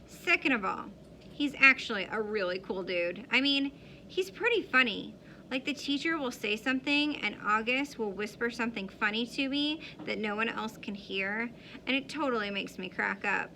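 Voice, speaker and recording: A woman reading a story aloud in an expressive way. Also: fairly high pitch, moderate pace, a little hiss or hum, rough recording. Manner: expressive, shifting into character voices. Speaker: audiobook reader. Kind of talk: storybook read-aloud narration.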